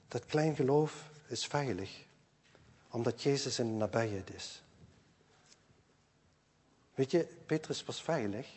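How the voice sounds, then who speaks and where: An older man, a grandfather, preaching a sermon in earnest, repeating key phrases and moving between loud stresses and quiet asides. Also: medium pitch, breathy edge. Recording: long hall reverb.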